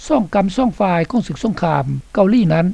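A woman's voice: mid-range voice, expressive, a little fast, vocal fry, dark tone, no room sound. A woman reading scripted documentary narration for a radio report. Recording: dull, slightly lo-fi, dry studio sound.

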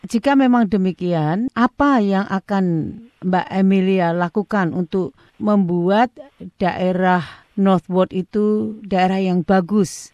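Lowish-voiced woman interviewer. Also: mellow, dry recording, highs cut off. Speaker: radio interviewer. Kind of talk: conversational interview questioning.

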